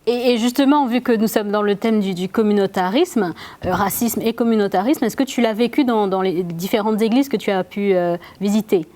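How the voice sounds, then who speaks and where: A woman hosting a casual discussion, polite and halting, often repeating words. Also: mid-range voice, warm tone. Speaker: host.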